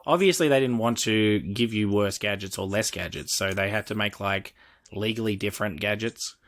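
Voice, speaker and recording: A man co-hosting a casual gaming podcast, rambling through animated retellings of what happens in the game. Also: lowish voice, normal speed. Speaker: podcast co-host.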